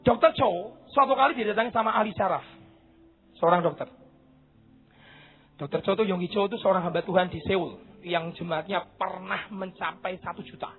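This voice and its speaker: A man preaching a sermon, telling stories animatedly, acting out the dialogue and shouting at the high points. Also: normal speed, breathy edge. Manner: animated storytelling, acts out dialogue, shouts at climaxes. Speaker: pastor. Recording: tinny phone-like sound with faint music.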